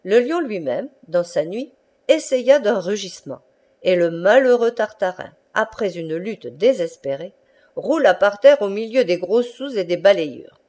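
This audiobook reader is a woman narrating a classic novel with a medium-pitched voice. Her delivery is expressive yet measured.

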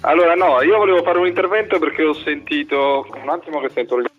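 A man's voice: fairly high pitch, steady tone, fast talker, soft background music. Man calling in on a tinny phone line. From Udine area, Italy. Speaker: phone-in caller. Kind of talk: hesitant casual explanation.

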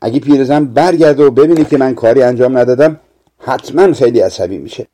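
A man's voice: medium pitch, warm tone, natural voice. A man reading aloud, voicing a frightened young girl who speaks timidly and worriedly.

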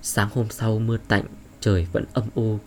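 A man's voice: lowish voice, moderate pace, soft background music. A man narrating a horror story in a dramatic, suspenseful way. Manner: expressive, suspenseful.

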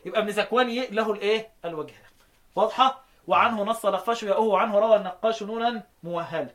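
A man with an Egyptian Arabic accent teaching a lesson on recitation readings, asking questions and answering them himself, chanting verses slowly. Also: high-pitched, a bit bright.

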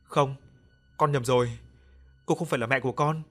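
A man voicing a terrified young woman in an audio ghost story, shouting at ghosts. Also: mid-range voice, steady tone, normal speed, natural voice. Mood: frightened. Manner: shouting, frightened and angry.

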